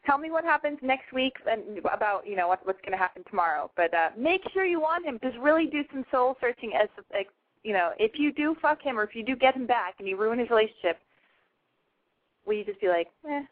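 A woman in her twenties from Los Angeles hosts a call-in radio advice show, talking fast in a frank, gushing way. Her voice is on the high side and animated, heard through a tinny phone-line sound.

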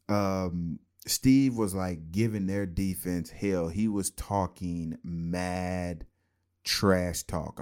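A former football player co-hosting a casual sports talk show, telling stories in a laid-back way with slang and laughter. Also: male voice, sits low, darkish tone.

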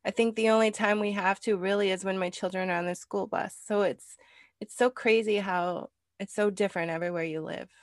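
A woman's voice: mid-range voice, steady tone, brisk, no room sound, studio quality. An American woman with a nasal voice, congested from a cold, chatting casually as a podcast host. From Wisconsin, United States. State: has a cold. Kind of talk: casual interview chat.

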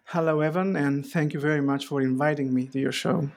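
A man's voice: on the high side, fairly even intonation, brisk, gravelly. A man from Greece, a historian guest on a podcast interview, speaking with many fillers and restarts.

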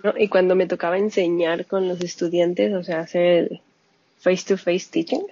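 With a lowish voice at a moderate pace, this woman, a scientist and mother whose first language is Spanish, shares stories in a relaxed interview. She's an animated storyteller who quotes her own words. The recording sounds muffled, dry and lo-fi.

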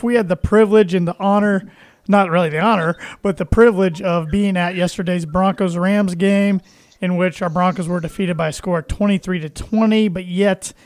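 A man with a notably high voice hosts a sports podcast in easy, chatty talk, full of friendly fillers. The sound is dry and close, with no room around it. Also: a little mellow, no room sound. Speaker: podcast host. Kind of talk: casual sports podcast chat.

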